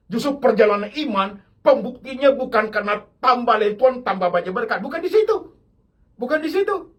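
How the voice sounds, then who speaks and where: A man's voice: sits high, a bit bright. An older man preaching a sermon as pastor, with emphatic repeated phrases and bits of English mixed in. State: ill with kidney disease.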